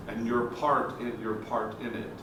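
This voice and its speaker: Distant, echoey low-voiced man. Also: fairly even intonation, unhurried. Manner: earnest, reflective. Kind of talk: casual reflective talk. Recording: distant, very echoey, with clear background noise.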